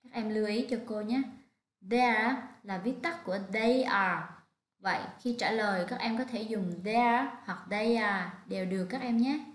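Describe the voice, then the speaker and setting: A woman's voice: on the high side, unhurried, roomy sound. A woman with a Vietnamese accent teaching an online English lesson to children, patiently drilling each word. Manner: patient, clear drilling of words.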